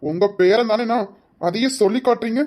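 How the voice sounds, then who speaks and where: A performer voicing a protective young husband in an audio drama, stern and forceful, issuing warnings. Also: medium pitch, a little fast, lightly acted. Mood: angry. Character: furious young husband defending his wife. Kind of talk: amateur Tamil audio drama.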